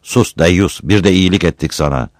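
A man voicing a gruff, bossy village coffeehouse man who grumbles and gives orders. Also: deep voice, normal speed, darkish tone, dry recording, clean studio sound, natural voice. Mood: grumbling.

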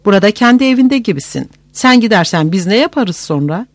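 A narrator voicing a gentle, timid young woman with a trembling voice, in an audiobook reading. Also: mid-range voice, lively intonation, a little fast, no room sound, close to an everyday voice.

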